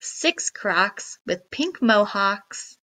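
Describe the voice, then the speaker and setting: A woman narrates a children's picture book aloud in a deliberate, expressive storytelling manner, her voice mid-range.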